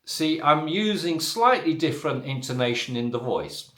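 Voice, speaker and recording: A man teaching a spoken English lesson, talking deliberately with exaggerated rising and falling intonation and frequent "uh" and "so" fillers. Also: a little high, expressive, fairly bright tone, reverberant.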